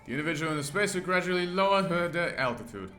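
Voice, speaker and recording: A man's voice: fairly high pitch, lively intonation, very fast, pushed and bright, soft background music. A man streaming a game, reading its text aloud with crude, joking asides. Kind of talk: reading a visual novel aloud with commentary.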